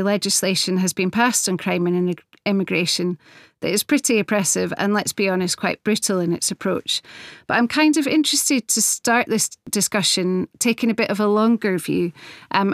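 A woman hosts a podcast in a middle-pitched voice. Her delivery is measured and earnest, part scripted introduction and part interviewing. She sometimes corrects herself mid-word. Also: no echo, clean studio sound. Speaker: podcast host.

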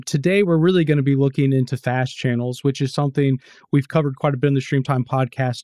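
A man's voice: medium pitch, a little mellow, smooth, dry recording, studio quality. Man hosting a sports business podcast. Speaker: podcast host. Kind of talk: casual podcast chat.

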